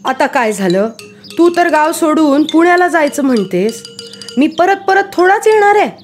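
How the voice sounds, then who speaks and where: A blunt old village elder with a husky voice, gruff and decisive, as a woman storyteller acts him out. His voice comes out raised and forceful rather than deep. A faint music bed plays behind. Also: sing-song, moderate pace.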